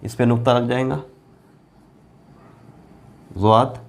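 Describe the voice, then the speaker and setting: A man teaching Arabic letters as a Quran reading teacher, patient and repetitive, drawing out each letter name slowly. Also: mid-range voice, darkish tone. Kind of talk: board lesson explaining Arabic letters.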